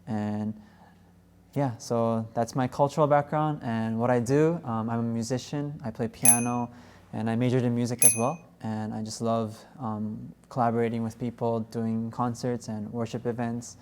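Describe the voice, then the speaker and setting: Young american man, casual guest chat, easygoing, laughs often, mid-pitched. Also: fairly even intonation, moderate pace, a little mellow. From San Francisco, USA. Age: young adult. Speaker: guest musician. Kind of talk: casual talk show chat.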